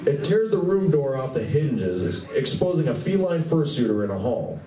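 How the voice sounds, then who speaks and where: A man with a mid-range, warm, sing-song voice reads stage directions at a moderate pace during a live radio play. It was recorded in a convention performance room with echo, a distant mic and faint noise.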